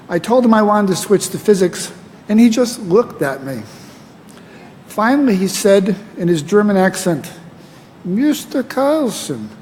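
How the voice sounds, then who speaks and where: High-voiced older man speaking in a hall. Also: darkish tone. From United States. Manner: measured, with dry self-deprecating humor. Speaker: honoree giving acceptance speech. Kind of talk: prepared ceremony speech. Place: large ceremony hall. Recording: long hall reverb, faint noise.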